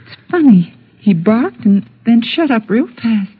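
Anxious wife, raspy old-radio voice. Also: female voice, on the high side, sing-song, a little slow, exaggerated voice. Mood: uneasy, urgent. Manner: anxious, urgent, insistent. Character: uneasy rural wife woken at night. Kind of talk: mid-century radio drama acting. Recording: muffled tinny old radio recording.

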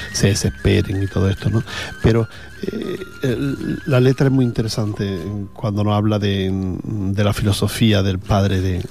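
Low-pitched and gravelly with a dark tone, this man's Andalusian-accented voice carries a rambling radio host's chatter between songs. He fills the gaps with frequent fillers and repeated words.

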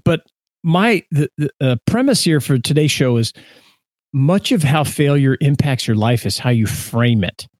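A man's voice: medium pitch, animated, a little mellow, dry recording, studio quality. A man co-hosting a podcast in a casual conversational way, often restarting and repeating words. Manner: halting, repeats words mid-sentence. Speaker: podcast co-host.

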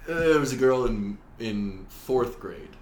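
A man in casual chat, relaxed and hesitant, telling a childhood memory. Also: mid-range voice, a little slow. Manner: relaxed, hesitant with fillers and restarts. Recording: roomy echo with faint hiss.

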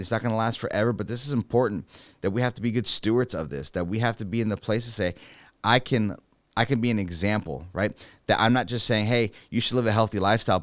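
Deep-voiced earnest male minister. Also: clear, resonant tone, dry recording. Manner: earnest, preacherly, peppers with "right?". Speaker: youth minister. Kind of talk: devotional podcast talk.

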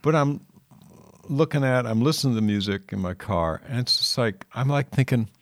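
A man's voice: mid-range voice, dry recording. A man interviewing a musician in casual chat, rambling into his questions and laughing readily. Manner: chatty, quick to laugh, fills with "you know".

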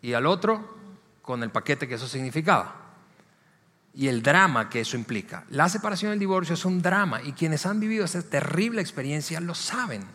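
A pastor with a Venezuelan Spanish accent delivers a conversational sermon in a fairly high, bright, forceful voice with lively intonation, talking a little fast. He speaks emphatically and repeats key phrases, with long hall reverb around him.

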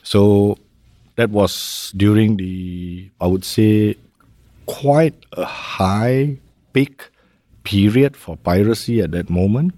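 A deep-voiced Malaysian man, a maritime safety executive, speaks in a measured way as a guest in a conversational interview, dropping fillers like "how you say" and "right?". His tone is dark and the recording is dry.

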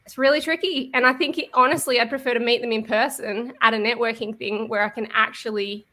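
A woman's voice: fairly high pitch, steady tone, a little fast, bright, forceful tone. A woman, a web designer, talking casually in a panel chat, with many fillers.

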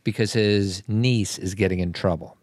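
A man hosting a casual movie chat in a relaxed way, leading the talk. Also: on the low side, moderate pace, a little hiss or hum. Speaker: podcast host.

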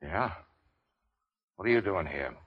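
A man's voice: deep voice, expressive, measured pace, slightly rough, no echo, exaggerated voice. An actor playing a wounded big-shot racketeer, wry and world-weary, with clipped slangy tough-guy talk in a vintage radio crime drama. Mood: groggy, defiant. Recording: dull vintage radio recording.

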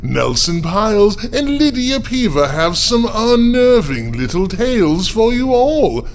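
A man's voice: high-pitched, full character voice. A man playing a sinister librarian who hosts horror tales, theatrical and gloating, drawing out his words. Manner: theatrical, gloating, drawn-out with sly chuckles. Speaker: host character. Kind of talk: scripted horror podcast hosting.

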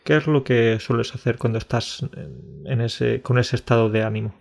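A man's voice: mid-range voice, fairly even intonation, soft background music. Reflective man co-hosting. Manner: reflective, measured and clearly spoken. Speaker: podcast co-host. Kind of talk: casual podcast chat.

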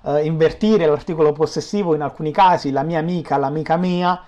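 A man's voice: fairly high pitch, a little fast, darkish tone, muffled recording. A man from Naples with a Neapolitan accent, explaining language in an informal interview, teaching through examples. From Naples, Italy.

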